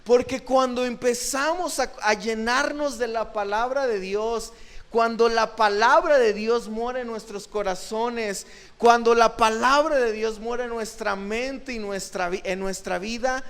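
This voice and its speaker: A man's voice: very high voice, unhurried, fairly bright tone, clear, resonant tone. A male pastor with a Mexican accent, preaching a sermon in a conversational way, telling stories and having the congregation respond. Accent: Mexican Spanish.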